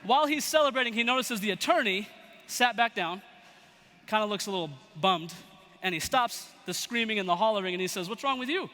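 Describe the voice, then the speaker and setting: A young man giving a motivational talk to a live audience, telling a story with lively acted-out quotes. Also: sits high, fairly quick. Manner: animated storyteller acting out quoted voices. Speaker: motivational speaker. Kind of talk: storytelling keynote speech. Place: large event hall. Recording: long hall reverb.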